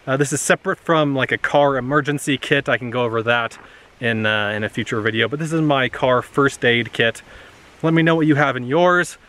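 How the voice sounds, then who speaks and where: Relaxed chatty man showing his kit. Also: mid-range voice. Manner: relaxed, chatty, lots of uh fillers. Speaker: vlogger. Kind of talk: casual show-and-tell. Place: outdoors in a grassy clearing by trees.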